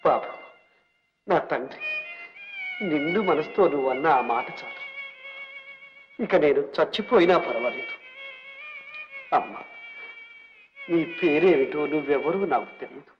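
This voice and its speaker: A grieving, humble old man struck by leprosy, whose voice swings widely in pitch as he pleads through tears. The sound is a dull old film soundtrack with music underneath. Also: lively intonation, a little slow, pauses often. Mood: sorrowful. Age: older. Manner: sorrowful, tearful, self-pitying pleading. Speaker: film character. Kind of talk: 1960s Telugu film drama.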